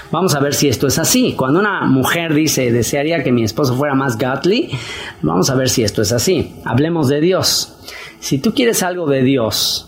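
A man giving a casual sermon to wives, talking conversationally with many fillers and repeated words. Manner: acts out quoted wives in a higher voice. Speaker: preacher.

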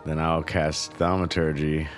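A man's voice: rumbling low, level tone, unhurried, faint music behind. A man chatting casually as a player in a tabletop role-playing game.

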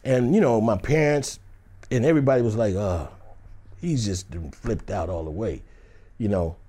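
Warm and on the low side, this man's voice moves at a normal speed. He is an interview guest recounting an animated anecdote, loose and chatty with many "you know"s, voicing the other people involved.

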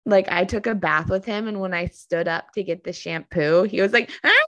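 A woman in her thirties co-hosting a podcast, chatting casually and telling animated stories. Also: fairly low pitch, moderate pace, dry recording, dull audio. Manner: chatty storyteller, animated when amused. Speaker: podcast co-host. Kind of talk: casual chat.

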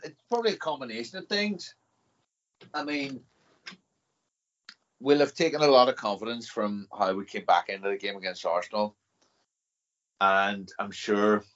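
A man with an Irish accent giving casual, measured football analysis as a podcast guest, with some hesitation. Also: low-pitched, a bit bright. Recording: dull lo-fi remote podcast sound.

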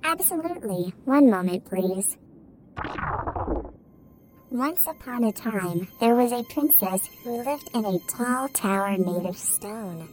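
A woman's voice: fairly high pitch, animated, takes it slowly, darkish tone, soft background music, low-quality recording. A woman voicing a polite home assistant AI reading a bedtime story aloud in an audio drama. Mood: storytelling. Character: cheerful home assistant AI, female.

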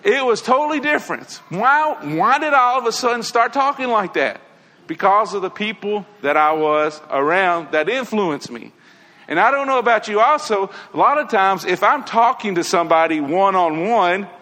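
A Tennessee preacher with a high, sharp voice delivers a morning lesson in an echoing hall. His sermon is earnest and conversational, speaking straight to the congregation and slipping in prayerful asides.

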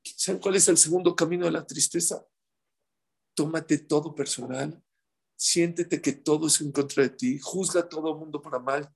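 A middle-aged man giving an animated storytelling sermon, addressing his audience directly. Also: on the high side, gravelly. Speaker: religious speaker.

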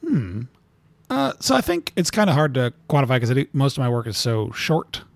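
A man's voice: mid-range voice, huge pitch swings, fairly quick, gravelly, no room sound. A man talking casually as an interview guest, rambling with lots of fillers and laughing at his own stories. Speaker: cartoonist guest.

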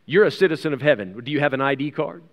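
An American man preaches to a congregation in a large room, the recording drenched in long hall reverb. Talking fast in an expressive mid-range voice, he reads from scripture and keeps it conversational with rhetorical questions and asides.

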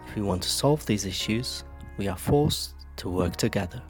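A man hosting a podcast, reading a scripted narration in a measured, reflective way. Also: lowish voice, lively intonation, over music.

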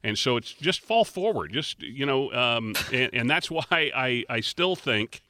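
A man's voice: medium pitch, animated, a little slow, bright, forceful tone, dry recording. An older man hosting a panel chat, leading the questions with an upbeat manner and sports comparisons. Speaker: show host.

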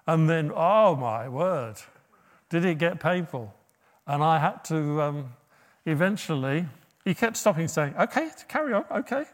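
A man's voice: on the high side, slow. A middle-aged man preaching a sermon, humorous and often asking his listeners questions.

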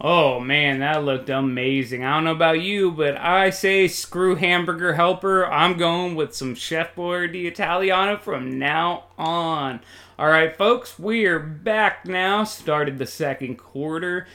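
This football commentator speaks slowly in a high-leaning, sharp-toned voice. His excited play-by-play stays colloquial, jokey and full of exclamations.

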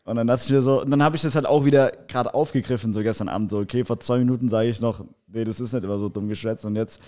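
A man's voice: medium pitch, fast talker, dark tone. A young man co-hosting a podcast, rambling in slangy casual chat and laughing often. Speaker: podcast co-host.

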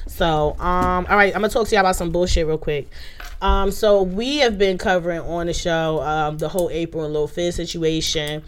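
Low smooth-voiced woman podcasting, kinda sick and monotone today, lots of ums. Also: normal speed. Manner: loose, chatty delivery with many fillers. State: under the weather, a bit monotone. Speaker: podcast host. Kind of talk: casual chat.

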